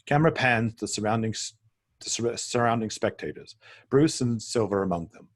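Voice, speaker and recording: Reading scene descriptions as a table read's narrator, a man delivers the screenplay directions in a measured, scripted manner. His fairly low voice is rather husky, and his intonation stays lively.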